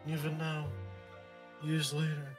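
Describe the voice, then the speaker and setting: Man playing a bitter, slow-talking criminal, cave echo filter on the voice, light music behind, fan dub. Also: fairly high pitch, completely flat delivery. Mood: haunted. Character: bitter male criminal recounting a poor childhood. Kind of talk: fan voice dub, online group recording.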